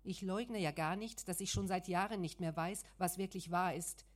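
A woman reading the lines of an angry, grieving man who accuses and defies, loud and bitter, in an audiobook. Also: on the low side, normal speed, lightly acted. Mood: angry, accusing.

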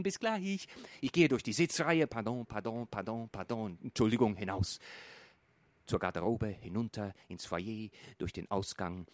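A man reading a surreal story aloud, swinging from a hushed murmur to a raised, urgent voice and often stumbling over his words. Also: on the high side, no room sound. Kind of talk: literary reading.

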